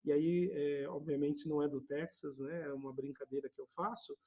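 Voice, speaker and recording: A man with a Brazilian accent teaching an English class over a video call, chatty, tagging nearly every phrase with a quick questioning aside. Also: on the high side, fairly even intonation, dark tone, muffled recording. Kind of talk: online language class explanation.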